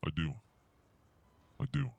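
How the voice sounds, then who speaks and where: A man interviewed anonymously in a mock news segment, his voice disguised to sound deep and gravelly, speaking with over-the-top indignant outrage. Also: slow, darkish tone, no echo.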